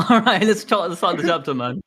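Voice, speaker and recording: A man hosting a livestream, chatting casually and reading along, excitable, repeating himself and stumbling over words. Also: high voice, normal speed. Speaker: livestream host. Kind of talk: casual chat and manga read-along.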